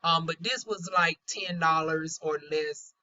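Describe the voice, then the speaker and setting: A North Carolina woman from the US South, a beauty vlogger and aesthetician, chats casually through a product review in a deep, bright, forward voice at a measured pace. She struggles with her R sounds and talks candidly and folksily, full of slang and playful euphemisms. The audio is slightly dull and lo-fi.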